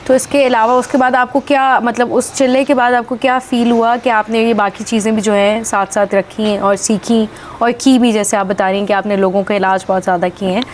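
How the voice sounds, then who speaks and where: A woman interviewer with a slightly high voice asks long, winding questions and fills the pauses with short acknowledgements. A faint hiss of noise sits under her voice. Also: flat delivery. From Pakistan. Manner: mixes English words into her questions, lots of short acknowledgements. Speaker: interviewer host.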